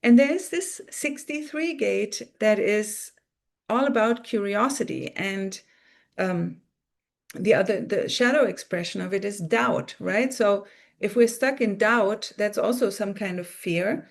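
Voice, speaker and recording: Gravelly-voiced woman guiding a meditation. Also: medium pitch, measured pace. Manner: soft and coaxing, guiding listeners inward; reads viewer comments aloud. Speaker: spiritual teacher. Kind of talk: guided visualization on a live stream.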